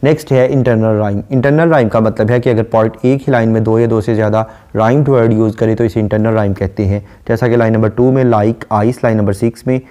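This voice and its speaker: A man giving a literature lecture, reading English verse lines slowly and explaining each one in Hindi-Urdu. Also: on the low side, warm tone. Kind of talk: recorded lecture.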